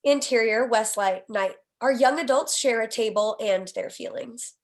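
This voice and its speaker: A woman's voice: a little high, normal speed. Woman reading stage directions.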